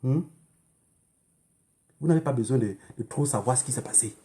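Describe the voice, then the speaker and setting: A man with a warm, medium-pitched voice speaks at normal speed in a Cameroonian accent. As an online activist on a livestream, he gives an emphatic, admonishing political monologue to viewers, repeating phrases and using rhetorical questions.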